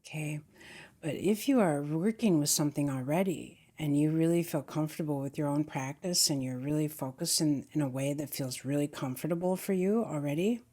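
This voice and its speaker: A woman guiding a meditation, speaking gently and slowly, with a soft, breathy voice that often drops to a near whisper. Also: low-pitched. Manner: gentle, unhurried, repeats "just". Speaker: meditation teacher. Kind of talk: guided meditation.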